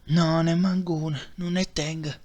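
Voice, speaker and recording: A man's voice: a little high, flat delivery, moderate pace, darkish tone, close to an everyday voice. A man voicing a worried but determined martial-arts fighter with a Neapolitan accent, colloquial and dramatic, in an amateur cartoon parody dub. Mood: conspiring. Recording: music behind the voice.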